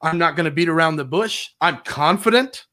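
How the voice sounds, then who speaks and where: A man with a rather high, pushed and bright voice talks a little fast as a podcast guest. In casual interview talk, he explains sales calls confidently and emphatically, demonstrating phone openers.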